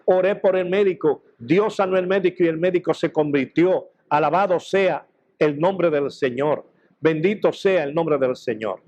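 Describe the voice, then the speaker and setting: A man's voice: a little high, moderate pace, darkish tone. A male pastor giving a fervent testimony sermon, telling his story with quoted dialogue.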